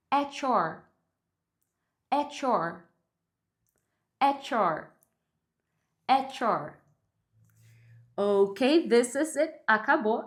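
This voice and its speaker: A fairly high-voiced woman teaching pronunciation online. She coaches the listener directly, upbeat and demonstrative, and runs repeat-after-me drills. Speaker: English pronunciation mentor.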